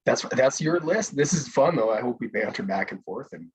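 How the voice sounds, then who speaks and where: A man co-hosting a casual podcast chat over a video call, animated and laughing often. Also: mid-range voice, moderate pace, slightly rough, poor audio. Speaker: podcast co-host.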